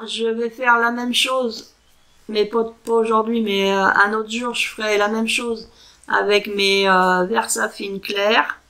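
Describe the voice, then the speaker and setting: A woman doing a casual crafting vlog, talking in a hesitant, chatty way and sounding out foreign words slowly. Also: fairly high pitch, bright, forceful tone, poor audio. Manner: chatty with frequent fillers and self-corrections. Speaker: crafting vlogger. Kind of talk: casual show-and-tell craft chat.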